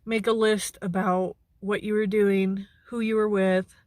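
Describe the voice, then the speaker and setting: A woman sounding anxious and shaken, speaking haltingly and earnestly to camera in a personal vlog. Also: medium pitch, flat delivery, a little mellow, no echo, studio quality. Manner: halting, earnest, with long pauses. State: anxious, shaken during a panic attack. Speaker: mental health vlogger. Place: outdoors beside a parked car.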